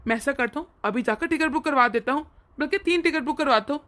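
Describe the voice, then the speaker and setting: A woman's voice: sits high, fast, fairly bright tone. A woman voicing an earnest young husband who patiently reasons and sounds exasperated in a cartoon story. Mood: agreeable. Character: earnest young husband, loyal to his family.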